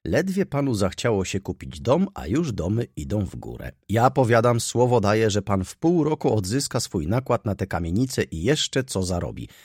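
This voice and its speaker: A man reading an audiobook and voicing a shrewd, chatty old moneylender who haggles and flatters. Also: lowish voice, normal speed, few pauses, husky, dry recording, studio quality, pitched above the performer's own voice. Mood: wheedling. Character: shrewd old grey-haired male moneylender.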